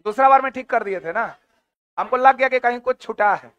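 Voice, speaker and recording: A man's voice: very high-pitched, fairly quick, fairly bright tone, no room sound. A man teaching an exam-prep history lecture, firing off questions and repeating the answers again and again.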